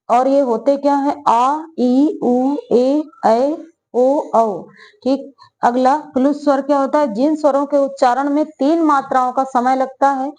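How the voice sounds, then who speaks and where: A woman's voice: high-pitched, a little mellow, low-quality recording. A woman teaching a Hindi grammar lesson for exam preparation, who repeats her phrases and asks questions that she then answers herself, drawing out vowel sounds as she demonstrates them.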